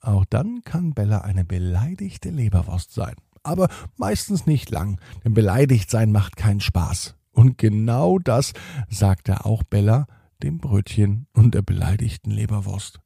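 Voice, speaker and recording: A man narrating a children's story slowly and gently, with expressive read-aloud delivery. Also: on the low side, creaky, slightly rough, no room sound, clean studio sound.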